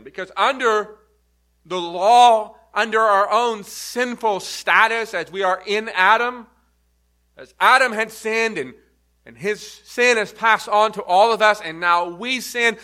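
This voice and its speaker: Bright, high-pitched, slow-preaching man. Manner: emphatic, building to forceful repeated negations. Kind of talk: sermon.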